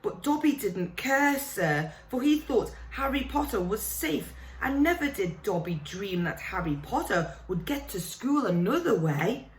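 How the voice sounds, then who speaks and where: A woman voicing an anxious, tearful male house elf who speaks in a high, pleading voice. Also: expressive, measured pace, few pauses, echoey room, a little hiss or hum, lightly acted, rough recording.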